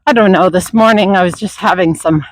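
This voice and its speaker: A runner talking while out running, reflecting in a motivational vlog in short, broken, unscripted phrases with pauses. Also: mid-range voice, dry recording, low-quality recording. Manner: reflective, halting, unscripted delivery. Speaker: runner vlogging.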